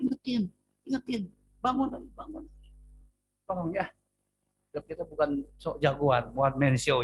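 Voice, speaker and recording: High-voiced pastor swinging loud to soft. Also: male voice, slight background noise, rough recording. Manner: swings between loud exhortation and quiet asides. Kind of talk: sermon. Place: church service.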